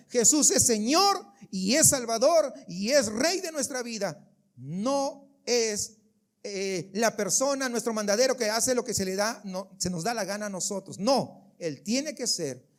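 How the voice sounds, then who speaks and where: A pastor with an unusually high-pitched man's voice, delivering a sermon in church. He talks emphatically and keeps throwing questions at the congregation.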